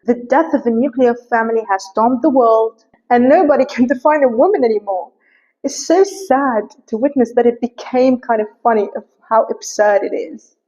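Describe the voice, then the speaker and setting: A woman's voice: a little high, normal speed, dark tone. Sassy, chatty young woman vlogger. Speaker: book vlogger. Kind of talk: casual ranting book vlog. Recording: muffled lo-fi recording.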